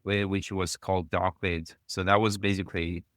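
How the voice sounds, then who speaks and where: Guest: middle-aged man from Kazakhstan, low voice, rambling filler-heavy delivery, dry close sound. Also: level tone, normal speed, a bit bright, no echo. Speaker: podcast guest. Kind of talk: casual interview talk.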